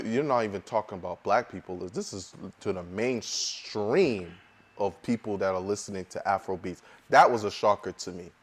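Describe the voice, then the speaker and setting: Low-voiced man co-hosting a podcast. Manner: relaxed, rambling, storytelling. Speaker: podcast co-host and DJ. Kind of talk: casual podcast chat.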